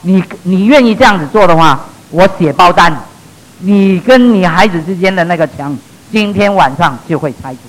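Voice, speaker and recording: A middle-aged man preaching a sermon as a pastor, telling stories and swinging between loud emphasis and hushed asides. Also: high-pitched, animated, moderate pace, rough recording.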